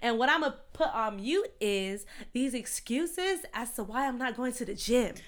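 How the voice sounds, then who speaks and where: A woman co-hosting a podcast in casual chat, playful and quick to laugh, full of slang and repeated catchphrases. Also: on the high side, expressive. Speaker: podcast co-host.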